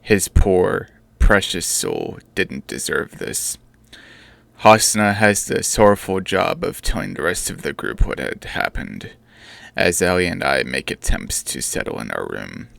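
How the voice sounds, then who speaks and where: A man's voice: low voice, big pitch swings, measured pace, gravelly, fairly bright tone, dry recording. A man narrating his own first-person story as an audiobook, in a subdued, mournful reading. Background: faint guitar music.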